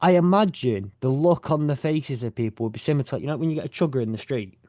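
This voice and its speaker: A man's voice: mid-range voice, fast, warm tone, no room sound, clean studio sound. A man from the UK hosting a podcast in casual chat, rambling and joking as he talks. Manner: rambling, jokey, self-correcting. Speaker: podcast host.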